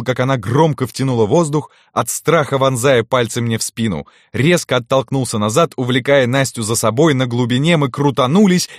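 A man reading a first-person romance story aloud in a calm, intimate storytelling manner. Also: medium pitch, no room sound, clean studio sound. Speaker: audiobook narrator.

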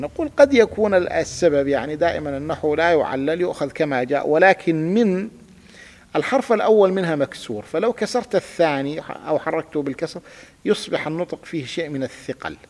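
A man's voice: a little high, lively intonation, quick pace. A man teaching a classical grammar lesson, patiently explaining step by step and having his student repeat words. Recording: reverberant room with long echo.

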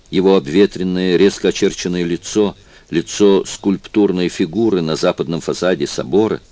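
Deep-voiced male audiobook narrator. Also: dry recording. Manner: steady, expressive reading. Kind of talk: scripted narration.

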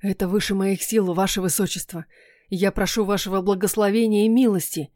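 A woman's voice: mid-range voice, steady tone, fairly quick, a little mellow, no room sound, studio quality, close to an everyday voice. A woman voicing a devoted young male warrior who speaks earnestly and with restraint. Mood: pleading.

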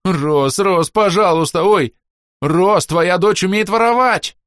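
Male reader doing a whiny scared sneaky spy guy, high and loud, dry recording. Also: takes it slowly, no room sound. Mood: panicked. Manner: panicky, pleading, fawning. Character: cowardly sneaky male shadow spy, panicky and wheedling.

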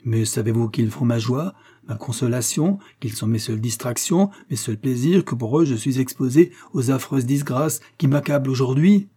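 Guy doing a proud broke old nobleman, loud and raging, husky dark voice, storybook reading. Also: medium pitch, moderate pace, hardly any pauses, close to an everyday voice. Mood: furious. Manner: loud, impassioned outbursts. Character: proud impoverished old nobleman, furious and desperate.

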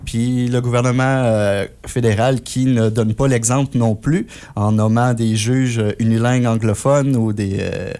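A man with a dark, relaxed voice of average pitch and a Québécois French accent. He lays out his views as part of a casual political discussion. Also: measured pace, few pauses, clean tone. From Quebec, Canada.

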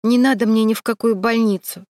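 A woman's voice: on the high side, fairly even intonation, brisk, a little mellow, no room sound, studio quality, lightly acted. A woman voicing a tearful young woman who sobs while she talks. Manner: upset, tearful. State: sobbing.

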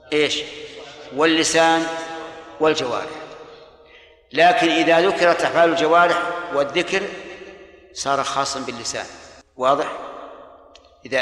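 An older man giving a religious lesson, explaining a text slowly and quizzing his students with short questions. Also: on the high side, fairly bright tone. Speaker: scholar teaching a book. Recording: echoey hall recording.

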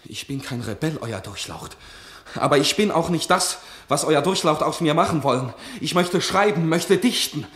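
In a roomy radio drama studio, an actor plays a young army doctor and poet pleading with his ruler, deferential and earnest. His voice is fairly high, animated and fairly bright, at a moderate pace.

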